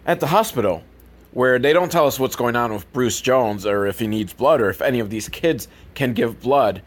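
In a medium-pitched voice at a moderate pace, a male podcast host rants casually through films, recapping them with profanity, sarcasm, and comedy.

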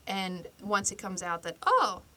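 A woman co-hosting a podcast, casually retelling a story with lively acted-out quotes. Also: mid-range voice, normal speed, slight background noise. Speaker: podcast co-host.

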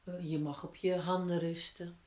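Female yoga teacher, lowish voice, very slow and gentle guided instruction, roomy echo. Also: level tone. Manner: gentle, unhurried step-by-step guiding with pauses. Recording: roomy, echoing indoor sound.

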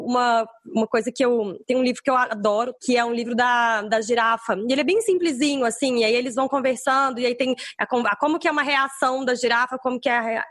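A woman in a casual panel discussion, warmly inviting others into an exercise and thinking aloud. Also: a little high, dry recording, clean studio sound.

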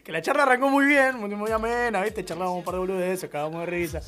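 A man with an Argentine Rioplatense accent co-hosting a live radio show, chatting casually and telling animated, laughing anecdotes. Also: sits high, quick pace, faint music behind. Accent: Argentine Rioplatense Spanish. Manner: animated storyteller, laughs often.

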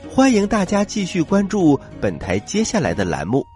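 Male host for a kids' story programme: dramatic, extremely animated narration with soft music underneath. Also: sits high, moderate pace. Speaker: children's storyteller and show host. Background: faint music.

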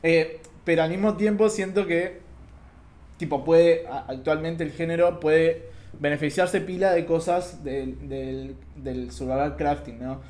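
A man's voice: fairly high pitch, fairly even intonation, a little slow, darkish tone. A young man leading a casual gaming discussion, agreeable and fond of fillers like "claro" and "viste". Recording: roomy echo.

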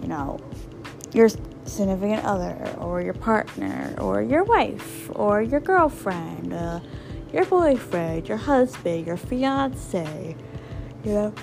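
A woman hosts a casual solo podcast in a gravelly, hoarse voice full of fry. She rambles informally through her advice and circles back on phrases to stress them. Her pitch sits in an average female range, with faint music underneath. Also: very animated, takes it slowly, long pauses. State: hoarse, voice partly lost. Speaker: podcast host.

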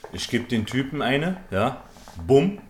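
A man's voice: medium pitch, big pitch swings, unhurried, background noise. A young man hosting a podcast, telling a rambling, slangy story to friends with lots of fillers. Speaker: podcast host. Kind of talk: casual storytelling among friends.

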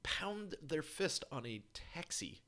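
A man's voice: a little high, sing-song, takes it slowly, pushed and bright. A man in casual chat, playful and teasing, with dry quips.

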